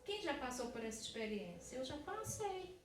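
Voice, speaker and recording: A woman missionary with a Brazilian Portuguese accent, sharing a testimony in a high, clear voice. She talks to the congregation directly, in an easy, conversational way. She is recorded from some distance in an echoey church hall with a faint hum behind her. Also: sing-song, moderate pace. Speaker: missionary preacher. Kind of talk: sermon testimony.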